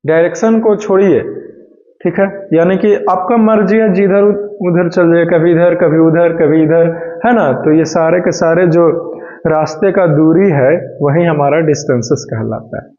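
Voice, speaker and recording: A male science teacher lectures in a chatty, explaining manner, his voice a little high but mellow. He is recorded in an echoey room with dull, lo-fi sound. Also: moderate pace. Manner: chatty, mixing Hindi and English, asks and answers his own questions. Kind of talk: classroom lecture.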